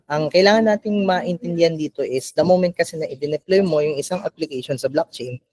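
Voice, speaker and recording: A man with a Filipino accent walks a live audience through a tech demo, his voice sitting in an ordinary middle range. He explains patiently, trailing into fillers and quick "okay?" checks. The sound is dry and close, with little room around it. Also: medium pitch, darkish tone, no room sound, rough recording. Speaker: tech workshop presenter. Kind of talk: live tech presentation in Taglish. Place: event venue with live audience.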